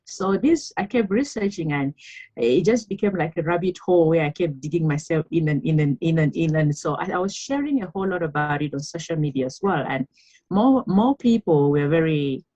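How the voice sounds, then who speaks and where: A woman from Cameroon speaks in a notably low voice as a podcast guest, telling her story in a reflective, chatty way. She laughs often and fills pauses with ums and "you know". The recording sounds a little dull and lo-fi. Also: expressive, dark tone. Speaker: guest author. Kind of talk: podcast interview.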